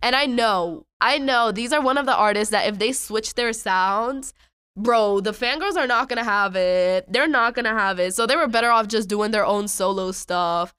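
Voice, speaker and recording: A woman's voice: on the high side, normal speed, fairly bright tone, clear, resonant tone, dry recording. Slangy young woman ranting, exasperated. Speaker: podcast host. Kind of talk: casual ranting monologue.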